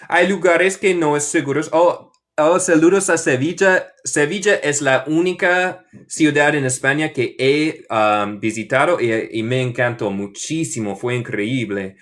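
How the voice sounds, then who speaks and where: Speaking with an American English accent, a Michigan-born English teacher works through a casual livestream lesson. He struggles along in learner's Spanish, pausing with fillers and dropping into English, in a mid-range, fairly bright voice.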